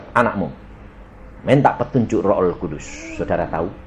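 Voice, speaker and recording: A middle-aged male pastor, preaching a sermon that jumps between loud bursts and low asides and mixes in everyday local speech. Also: slight background noise.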